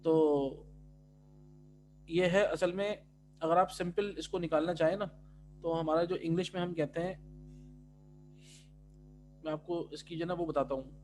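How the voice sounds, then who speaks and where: A man teaching pronunciation in an online class, stretching out individual letter sounds loudly between calmer explanations. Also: fairly high pitch, pauses often, soft background music. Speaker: tajweed teacher.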